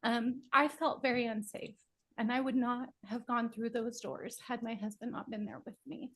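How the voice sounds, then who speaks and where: Woman in her thirties, fairly high and bright voice, nervous and halting, emotional public comment at a podium. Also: steady tone, low-quality recording. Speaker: public commenter, working mother. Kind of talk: public comment at a board meeting. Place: county board meeting chamber.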